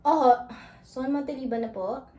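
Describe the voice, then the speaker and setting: A woman's voice: sits high, a little fast, darkish tone, close to an everyday voice. A woman playing a young singer live-streaming with her guitar, chatting in a Filipino accent and taking a polite phone call.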